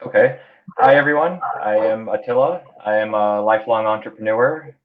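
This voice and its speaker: An entrepreneur in his thirties, a native Hungarian speaker born in Canada who grew up in the US, chats about his life as an interview guest. His voice sits on the low side at a normal speed, and he stumbles with fillers and repetitions. Sound quality is muffled and lo-fi.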